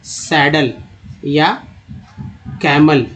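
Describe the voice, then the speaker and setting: A man teaching English pronunciation to Hindi speakers, spelling out words and repeating each one slowly while quizzing the viewer. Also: on the high side, fairly even intonation, fairly bright tone. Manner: repeats each word slowly, drilling vowel sounds; addresses viewers as friends, asks rhetorical questions. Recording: dull lo-fi recording.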